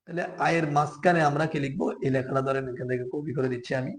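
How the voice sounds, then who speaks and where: A man from Bangladesh teaching a beginner web design class, explaining slowly and patiently step by step. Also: medium pitch, reverberant. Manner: slow, patient, step-by-step, often asks "ঠিক আছে?". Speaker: programming teacher. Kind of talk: live screen-share coding class.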